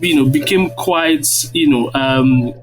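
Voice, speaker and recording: A mid-range, slow male voice: a university lecturer in his thirties with a Nigerian accent, guesting in an interview. He answers as if lecturing, phrasing hesitantly and using tag questions to check understanding, over a very noisy online audio-room connection.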